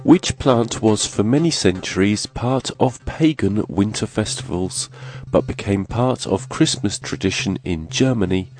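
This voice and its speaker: A man's voice: lowish voice, a little slow, darkish tone. A man with a congested, nasal voice from a cold, hosting a quiz podcast in an orderly, scripted way. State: has a cold, sniffly.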